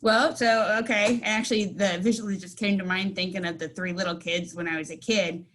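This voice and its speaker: A woman from central Illinois tells a story on a video call. Her mid-pitched voice is friendly and rambling, full of ums and asides. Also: steady tone, normal speed, fairly bright tone, a little hiss or hum. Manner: friendly, rambling, with many fillers. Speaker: meeting participant. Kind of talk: casual storytelling.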